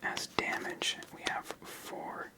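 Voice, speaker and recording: In an unvoiced whisper, an ASMR host plays a solo card game and comments on it. Each move is narrated slowly, one step at a time.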